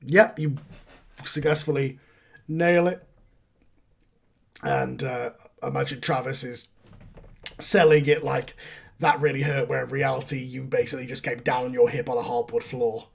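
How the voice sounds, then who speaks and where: A man running a tabletop wrestling game as game master, thinking aloud in halting, relaxed phrases. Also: medium pitch, creaky, husky.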